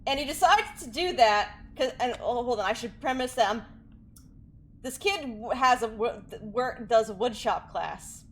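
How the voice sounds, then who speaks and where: A woman giving casual gaming commentary as a streamer, telling things in an animated way. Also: fairly high pitch, moderate pace. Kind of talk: casual chat and commentary over gameplay. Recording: clear background noise.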